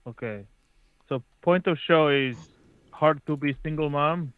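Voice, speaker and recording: A man's voice: a little high, measured pace, smooth, no echo, lightly acted. A man putting on a blunt Hungarian TV executive. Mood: demanding. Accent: put-on Hungarian accent. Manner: broken English, blunt and demanding. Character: pushy male Hungarian TV executive caller. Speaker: caller. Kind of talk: improvised comedy call-in. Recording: tinny phone line.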